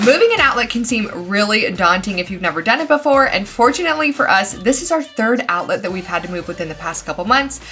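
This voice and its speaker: A woman hosting a home renovation vlog in casual talk, bubbly and quick to laugh. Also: medium pitch, expressive, bright, forceful tone, faint music behind.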